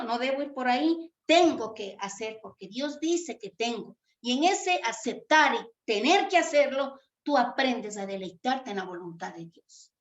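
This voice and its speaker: Ecuadorian woman preaching, high voice, keeps asking the crowd questions, echoey muffled recording. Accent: Ecuadorian Spanish. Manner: animated, asks the audience questions, tags "¿cierto?". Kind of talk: sermon. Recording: echoey room, dull lo-fi sound.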